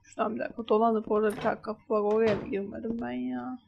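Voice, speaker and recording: A woman's voice: a little high, flat delivery, fast, vocal fry, muffled recording, background noise. A woman commenting on her own horror game playthrough, muttering, getting frustrated and scolding the game as she searches. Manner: frustrated, talks to herself and the game. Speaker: gameplay commentator. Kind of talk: let's play commentary. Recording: game music playing behind. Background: game music.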